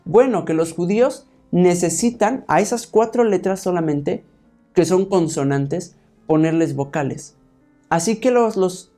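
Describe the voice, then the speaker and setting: A man with a slightly high, mellow voice preaches a Bible teaching sermon. He explains things step by step, calls his listeners "hermanos," and often checks in with them by asking "¿sí?"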